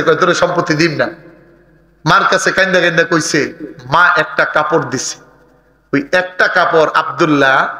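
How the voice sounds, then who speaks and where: Man preacher, high ringing voice, melodic chanting sermon, reverberant hall PA. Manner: melodic chanting delivery with sudden swoops in pitch and loudness. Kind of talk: sung Bengali sermon.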